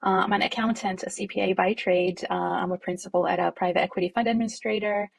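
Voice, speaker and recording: A Jordanian-born woman who co-founded a nonprofit answers interview questions reflectively and conversationally, with frequent fillers and soft laughs. She has a medium pitch, fairly even intonation, and vocal fry, and talks fast; there's a little hiss or hum.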